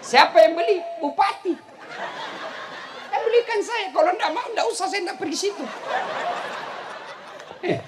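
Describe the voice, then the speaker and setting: A middle-aged man giving a humorous sermon to a live audience, telling stories and shouting the punchlines. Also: very high voice, normal speed, long pauses. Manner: animated storytelling, shouting punchlines with laughter. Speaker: preacher. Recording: live event with crowd and faint noise. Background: crowd laughter.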